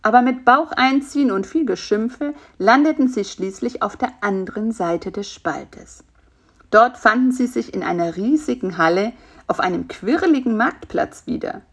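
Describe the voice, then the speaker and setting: A woman's voice: on the high side, animated, normal speed. Woman reading a children's story. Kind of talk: scripted storybook narration.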